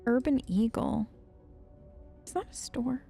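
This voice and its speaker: A woman's voice: on the high side, takes it slowly, vocal fry, warm tone, faint music behind. A woman hosting a gaming video, chatting casually and playfully and talking back to game characters. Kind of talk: casual gameplay commentary.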